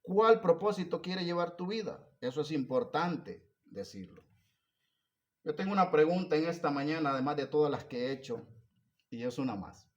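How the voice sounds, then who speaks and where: A man preaching a sermon, moving between loud emphatic stretches and soft hushed ones, asking the congregation repeated questions. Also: on the high side, expressive, normal speed, muffled recording.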